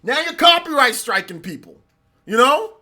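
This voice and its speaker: Ranting bright-voiced man in his forties. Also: very high-pitched, big pitch swings, normal speed. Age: 40s. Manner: ranting, repetitive, exasperated. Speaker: livestreamer. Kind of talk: live reaction stream.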